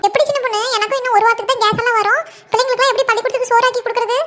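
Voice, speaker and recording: A woman doing a squeaky fretful village mother. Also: fairly even intonation, very fast, very noisy. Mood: worried. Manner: pleading, moralizing, calls friend by nickname. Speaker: cartoon voice actor. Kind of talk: comic cartoon dialogue.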